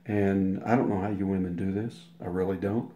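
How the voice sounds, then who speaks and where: In this clip the older man's voice is low and mellow, with fairly even intonation and normal speed. He tells a long personal tale as an interview guest, casually and ramblingly, acting out quotes and restarting, with echo from the room.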